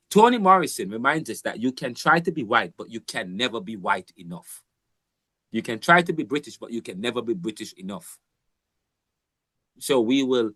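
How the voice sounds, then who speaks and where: A man's voice: medium pitch, fairly bright tone, no echo. Man lecturing, dry close sound. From Jamaica. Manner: rambling, emphatic, with frequent restarts. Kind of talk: informal university lecture.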